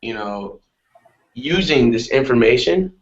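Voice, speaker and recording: A man in a casual motivational talk on a webinar call, energetic and repetitive, often asking "right?". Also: mid-range voice, measured pace. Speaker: guest on a webinar. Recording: dull lo-fi webinar audio.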